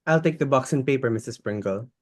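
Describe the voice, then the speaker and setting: A man's voice: mid-range voice, fast, lightly acted. A man playing a polite, deferential household butler in a dramatic reading of a stage play, speaking formally and attentively. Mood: polite, apologetic.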